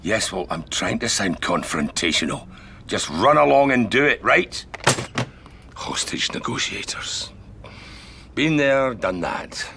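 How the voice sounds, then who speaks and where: An actor with a Scottish accent playing a prisoner who holds a hostage, sing-song and mocking, swinging from jovial to threatening. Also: male voice, mid-range voice, bright, forceful tone, slight background noise, full character voice. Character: charming, menacing male prisoner holding a hostage. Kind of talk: television sitcom acting.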